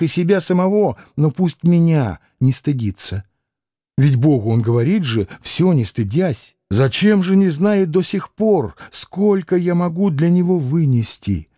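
A man's voice: fairly high pitch, dark tone, no room sound, clean studio sound, pitched above the performer's own voice. A man voicing an impassioned young noblewoman. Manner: impassioned, pleading, rising to exclamations. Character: proud, anguished young noblewoman.

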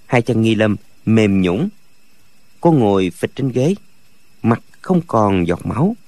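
A man narrating a martial-arts novel as an expressive audiobook reader. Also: fairly low pitch, slow pace, no room sound. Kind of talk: storytelling narration.

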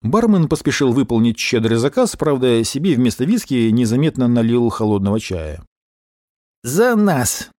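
A man narrating an audiobook with an expressive reading. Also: mid-range voice, normal speed, hardly any pauses, no room sound, studio quality.

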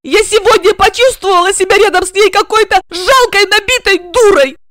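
A woman voicing a jealous, tearful young woman who hurls shrill, sobbing accusations at her boyfriend in an audiobook drama. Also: wildly swooping pitch, normal speed, a bit bright, no room sound, clean studio sound, heavily acted.

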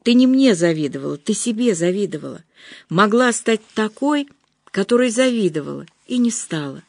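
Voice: medium pitch, expressive, normal speed, vocal fry, darkish tone, no echo, studio quality, voice pushed up. A reader voicing a worried, consoling young woman. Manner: pleading, consoling. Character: worried loyal young woman comforting a friend. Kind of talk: audiobook reading.

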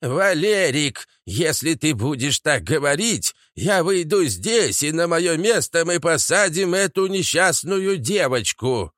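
A fussy, doting old grandmother, put on by a man reading an audiobook, stretching out her words in a pleading sing-song. Her voice sits fairly high and swoops up and down. The recording is dry and close. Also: very animated, a bit bright, dry recording, full character voice. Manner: drawn-out pleading lilt.

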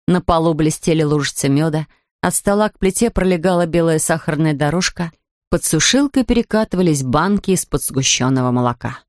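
A woman reads a children's storybook aloud with a slightly low voice, telling the story expressively and doing voices for the characters. The sound is close and dry, with no room echo. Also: a little mellow. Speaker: narrator.

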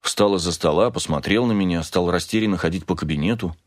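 A man reading a novel aloud in the first person, with measured, steady storytelling. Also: low voice. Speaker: audiobook narrator.

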